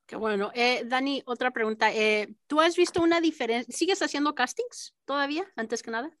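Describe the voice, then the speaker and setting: A woman hosts a casual interview and puts short, direct questions to her guest. Her voice sits a little high. The recording is dry, with no room sound. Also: expressive, brisk, a bit bright, dry recording.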